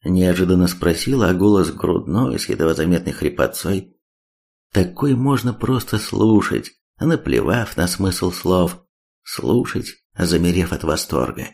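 A man's voice: deep voice, darkish tone. A man reading a first-person audiobook in a wry, blunt, slangy storytelling manner. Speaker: audiobook narrator.

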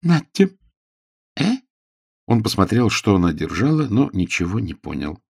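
A man narrating an audiobook with a lively, expressive reading. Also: low voice, a little fast, vocal fry, breathy edge, dry recording, clean studio sound.

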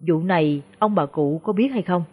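A woman voicing a shrewd, calm older male exorcist master who asks probing, feigned questions. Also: on the low side, moderate pace, lightly acted. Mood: shrewd questioning. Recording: dull lo-fi recording.

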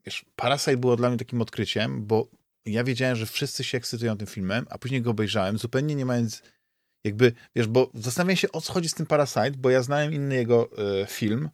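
Podcast co-host, man, mid-pitched, rambling casual chatter, dry close recording. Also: a little fast, no room sound. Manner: rambling, many restarts and fillers. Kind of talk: casual chat.

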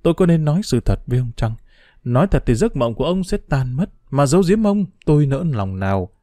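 A man reading a first-person diary novel aloud, emotional and expressive. His voice is dark and mellow, and his pitch moves widely through each sentence. The recording is close and dry. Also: brisk, no echo. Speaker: audiobook narrator.

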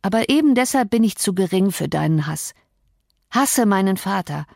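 A woman's voice: medium pitch, lively intonation, moderate pace, vocal fry, a little mellow, no room sound, studio quality. A woman reading an audiobook, voicing a sickly, timid young man who pleads in a breathless murmur. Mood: pleading.

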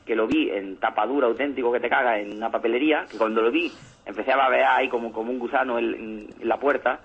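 A man co-hosting a radio show, casually retelling a comic with lively acted-out lines. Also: medium pitch, quick pace, slightly rough. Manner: animated storyteller, acts out comic scenes. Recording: lo-fi phone-like radio sound.

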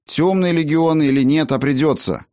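A man voicing a weary, gentle elf healer who talks in worried questions. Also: on the high side, normal speed, no echo, clean studio sound, pitched above the performer's own voice, close to an everyday voice. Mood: anxious.

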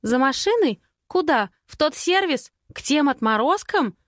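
A woman reader voicing a chatty, cautious young female friend who talks quickly in rising questions. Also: high-pitched, expressive, no echo, clean studio sound, pitched above the performer's own voice. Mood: lively chatter.

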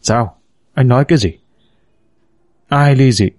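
A man playing a calm, stern old judge uncle. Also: medium pitch, a little slow, no echo, clean studio sound, natural voice. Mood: doubting. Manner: calm and firm.

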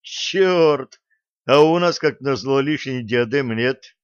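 A man's voice: medium pitch, unhurried, no echo. A man doing a brash, decisive space captain. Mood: wry. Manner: energetic, decisive, sarcastic. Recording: dull lo-fi dry recording.

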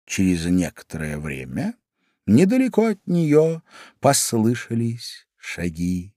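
A man narrating a children's storybook audiobook in a slow, measured storytelling voice. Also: lowish voice, wildly swooping pitch, warm tone, no echo, studio quality.

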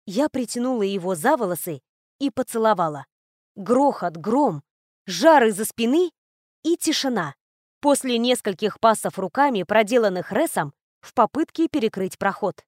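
A woman narrating a first-person fantasy audiobook, lively and expressive in the dialogue. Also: fairly high pitch, moderate pace, dry recording, studio quality.

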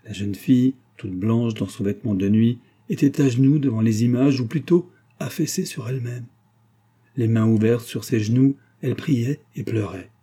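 Dark-voiced, husky male audiobook narrator. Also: medium pitch. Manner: measured and even storytelling. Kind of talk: audiobook reading.

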